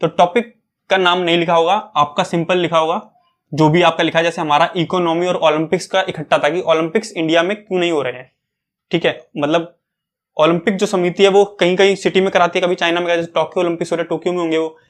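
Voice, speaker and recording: Young man, higher voice, chatty exam-prep advice, keeps checking in. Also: fairly even intonation, fast. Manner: conversational, often checks in with "okay". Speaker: exam preparation guide. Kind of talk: casual advice talk.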